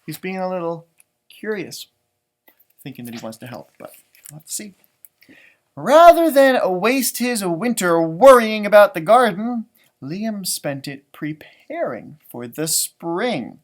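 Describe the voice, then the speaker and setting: An American man reads a children's picture book aloud like an elementary music teacher, stretching words for emphasis and adding simple, chatty explanations. His voice is high and sing-song, at a slow pace.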